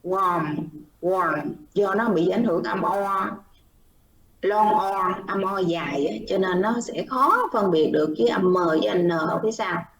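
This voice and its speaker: A woman's voice: medium pitch, normal speed, hardly any pauses, a loud crowd. Woman, pronunciation teacher, patient, explanatory, echoey room, distant mic. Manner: patient, explanatory, models words by repeating them. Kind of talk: online class feedback, mixing Vietnamese and English. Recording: roomy, distant mic with faint noise.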